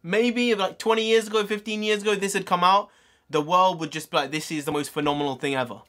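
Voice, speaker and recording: Bright, forceful male film reviewer. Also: high voice, steady tone, fast talker. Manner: blunt, informal, sweary. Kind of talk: casual opinionated review to camera.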